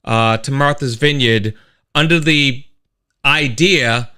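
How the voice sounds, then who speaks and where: Slow and smooth, a middle-aged man's mid-range voice carries a casual monologue on the weekly live stream he hosts. He's an animated storyteller, rambling, restarting, and adding sound effects as he goes.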